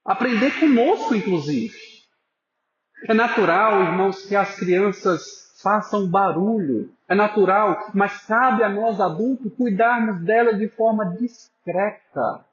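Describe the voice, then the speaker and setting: Slow, high-voiced man preaching in an echoey church. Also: dull audio. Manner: earnest, pastoral, addresses listeners as brothers, drops to a soft voice for emphasis. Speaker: pastor. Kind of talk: sermon.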